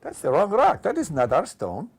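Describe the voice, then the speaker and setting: A man's voice: huge pitch swings, moderate pace, vocal fry, slightly rough, heavily acted. A man voicing an indignant man who rejects a stone as the wrong one, in a raised, exasperated voice. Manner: exasperated, high and loud.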